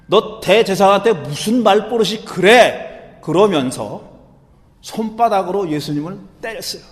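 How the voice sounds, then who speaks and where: High-voiced male pastor preaching. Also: long reverb tail. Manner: conversational, animated storytelling with acted-out quotes. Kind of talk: sermon. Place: church sanctuary.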